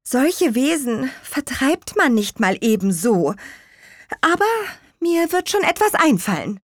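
A woman's voice: high voice, big pitch swings, slow pace, no room sound, clean studio sound, voice pushed up, full character voice. A woman reading as a kind apple witch. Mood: reassuring. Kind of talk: children's audio story.

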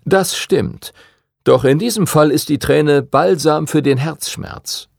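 A man's voice: on the high side, vocal fry, breathy edge, dry recording, studio quality, voice pushed up, full character voice. A man playing patient old master Nicholas. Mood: calm lecturing. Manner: calm, measured, lecturing. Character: patient older male dragon-rider master teacher.

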